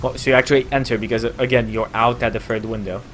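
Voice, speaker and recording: A man narrating a tabletop game as game master, in a halting, improvised way. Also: medium pitch, steady tone, fairly bright tone. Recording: faint background noise.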